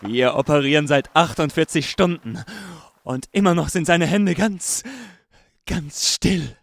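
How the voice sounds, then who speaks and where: A man playing a gravelly haunted army doctor. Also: fairly high pitch, dry recording. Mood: bitter. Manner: brooding, slow inner monologue, breaking into desperate pleading. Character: haunted male army doctor, guilt-ridden and tormented. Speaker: army doctor in a hospital train. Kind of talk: first-person audio drama narration.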